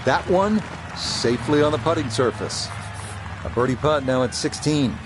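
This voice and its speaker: A man giving measured golf commentary as lead announcer, appreciative of the shots he calls. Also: on the high side, expressive, music in the background, rough recording. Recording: outdoor crowd and ambient noise behind. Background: crowd and outdoor ambience.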